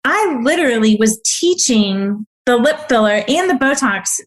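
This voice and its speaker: A woman physician as a podcast guest, telling her stories in an animated, emphatic way. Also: a little high, measured pace. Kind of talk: casual interview conversation.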